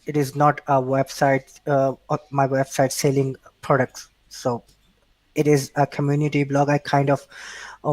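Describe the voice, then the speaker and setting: This interview guest is a Pakistani man whose first language is Urdu, and his accent reflects it. On this casual remote call, his medium-pitched, slightly mellow voice comes through with no echo as he stumbles through answers, full of false starts and fillers.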